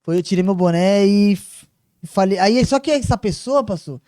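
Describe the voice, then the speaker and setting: A man co-hosting a church talk show, telling a personal story with lively acted-out voices. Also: sits high, normal speed, no room sound, studio quality. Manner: animated storytelling, acts out voices. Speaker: co-host. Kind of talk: casual testimony chat.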